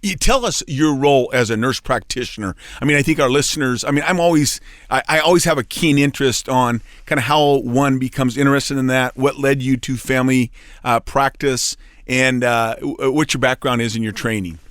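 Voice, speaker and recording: A male radio host asks questions with eager enthusiasm, often circling back on his words. His voice sits at a middle pitch, and it is recorded close and dry in a studio. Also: normal speed, a bit bright, dry recording. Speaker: radio host, physical therapist. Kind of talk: radio interview.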